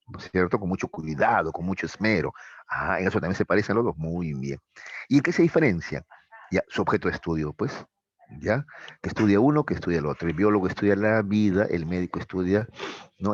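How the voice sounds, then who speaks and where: A deep-voiced man teaches a class, tossing quick checks back at his students after nearly every phrase. His voice is husky, and the recording is dull and lo-fi. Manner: questioning, repeats "¿ya?" often; acts out imagined student dialogues. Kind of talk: classroom lecture.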